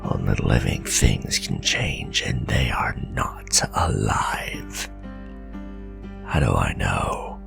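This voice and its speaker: Growling in a very deep, gravelly, breathy voice that is expressive and exaggerated, a man plays a gruff, centuries-old werewolf vampire hunter who is bitter and distrustful. His warnings in this dramatic fantasy ASMR roleplay come grim, scornful, slow and deliberate, set over clear background music.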